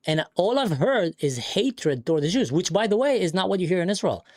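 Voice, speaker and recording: Hosting a live stream, a Middle East–raised man gets into a heated debate with a caller, insistent and argumentative, and talks right over the other speaker. His voice sits high, expressive and fairly quick. It's recorded at studio quality without echo.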